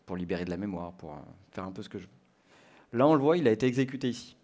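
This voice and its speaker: A man's voice: fairly low pitch, expressive, fast talker, dark tone. French man live-coding on a conference stage. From France. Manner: explains step by step, thinking aloud with fillers. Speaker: conference speaker doing a live coding demo.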